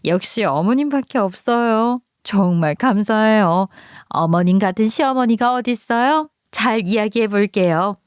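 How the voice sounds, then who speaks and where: A woman voicing an eager younger sister-in-law who gushes and flatters. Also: medium pitch, measured pace, smooth, no room sound, clean studio sound, natural voice. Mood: flattering. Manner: gushing, flattering.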